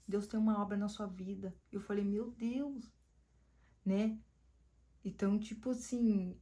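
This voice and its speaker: A woman's voice: medium pitch, a little mellow. A woman with a Brazilian accent tells a personal faith testimony and quotes conversations as she goes, often tagging her sentences with "né". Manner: tells the story with quoted dialogue, frequent "né" tags.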